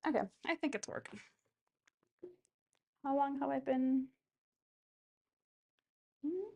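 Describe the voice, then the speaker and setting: A woman's voice: high voice, slow, mellow. A woman vlogging casually while she does chores, thinking aloud in a rambling way. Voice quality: gravelly vocal fry. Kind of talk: casual, rambling self-filmed chat while cleaning.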